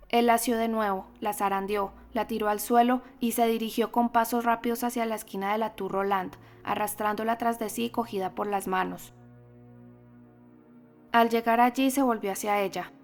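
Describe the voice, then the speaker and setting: A woman with a Latin American Spanish accent reading an audiobook in a dramatic, expressive manner. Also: medium pitch. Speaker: audiobook narrator. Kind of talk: scripted audiobook narration.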